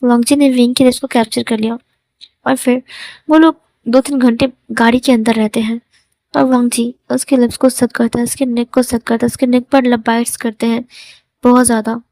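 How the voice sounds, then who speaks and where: A woman's voice: fairly high pitch, level tone, normal speed, mellow, no echo. A woman telling a romance story, narrating steadily with quoted dialogue. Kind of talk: storytelling in Hindi.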